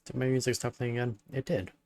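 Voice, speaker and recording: A man's voice: mid-range voice, fairly even intonation, fast talker, darkish tone. A man giving casual live-stream commentary while playing a strategy game, musing and thinking aloud. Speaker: gaming streamer.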